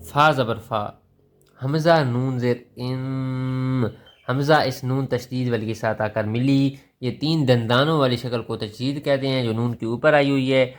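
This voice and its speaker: A Quran recitation teacher, a man with a Pakistani Urdu accent, gives a tajweed lesson. He talks in an ordinary middle pitch, patiently naming each letter and its vowel mark. Then he chants the words of the verse slowly. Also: fairly even intonation.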